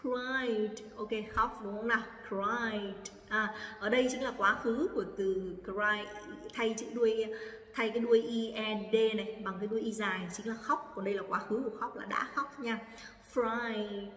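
A woman teaching English phonics with a Vietnamese accent, drilling words slowly and checking that students follow. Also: on the high side, steady tone, a bit bright. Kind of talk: phonics lesson, slow drilled pronunciation. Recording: echoey room, distant from the mic.

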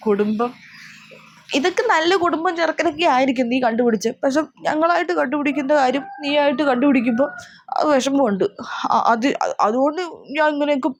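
A woman's voice: on the high side, pitched below the performer's own voice, natural voice. Woman playing a fretful, wailing mother. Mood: explaining. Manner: scolding, wailing, repeats herself. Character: fretful middle-aged mother, melodramatic and scolding. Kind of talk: comedy sketch role-play.

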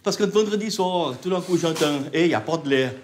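Blunt scolding older man, high voice. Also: a little fast, a little hiss or hum. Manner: scolding, blunt, full of fillers. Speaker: shelter night watchman. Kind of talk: unscripted documentary conversation. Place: basement shelter kitchen, indoors. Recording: echoey tiled room.

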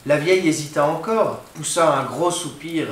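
A man reads a children's picture book aloud in a fairly high voice, giving the story an expressive, dramatic lift. He reads like a storyteller for young children. His voice carries a roomy echo. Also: moderate pace, a little hiss or hum.

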